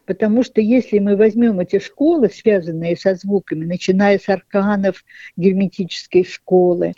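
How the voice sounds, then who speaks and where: A woman being interviewed, calmly explaining her teaching method in a measured, thoughtful way with small hesitations. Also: medium pitch, no echo, highs cut off. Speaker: interviewed educator, author of a children's speech method.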